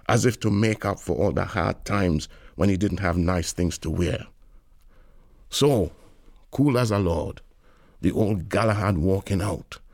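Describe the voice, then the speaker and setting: A man reading a novel aloud in a lilting, expressive storytelling manner. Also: low-pitched, creaky, no room sound, clean studio sound. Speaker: reader.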